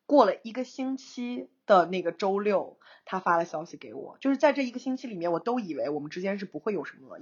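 A young woman co-hosting a casual talk show, telling a personal story in an animated way, laughing often and mixing in English words. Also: fairly low pitch, husky, muffled recording. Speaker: co-host, screenwriter.

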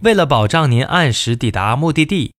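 A man reading formal in-flight cabin announcements aloud for a course, in a measured, formal manner. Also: medium pitch, animated, fairly bright tone, no echo, clean studio sound. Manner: measured, formal announcement delivery in two languages. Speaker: language course reader.

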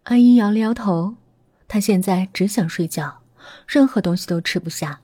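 Breathy woman narrating a ghost story. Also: medium pitch, no echo, studio quality. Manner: dramatic, slowing and hushing at tense moments. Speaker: storyteller host. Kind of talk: horror audiobook narration. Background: faint music.

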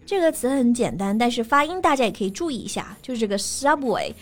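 A young woman co-hosting a bilingual English-teaching podcast, explaining pronunciation steadily and clearly and spelling words out. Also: fairly high pitch, sing-song, fast. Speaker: podcast co-host.

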